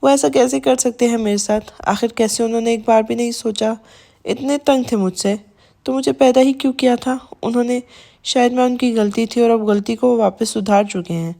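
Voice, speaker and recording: A woman's voice: a little high, creaky, mellow. Woman reading as a tearful young wife. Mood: heartbroken. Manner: pleading, broken, trailing phrases.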